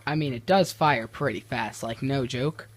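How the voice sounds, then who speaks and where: A teenage boy who makes gaming videos chats casually about his game builds at a moderate pace in a medium-pitched voice. He rambles, restarts sentences, and gets exasperated easily.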